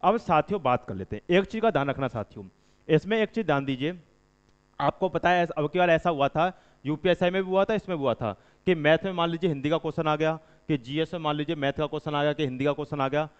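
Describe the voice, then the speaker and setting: An exam-coaching presenter with a fairly high, smooth voice talks fast, explaining things informally to students. He instructs them and repeats points for emphasis. The recording is dull and lo-fi, with long reverb.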